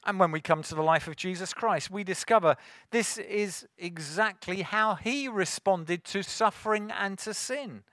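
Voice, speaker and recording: A man preaching a sermon, earnest and rising to forceful emphasis. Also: high-pitched, measured pace, dry recording, clean studio sound.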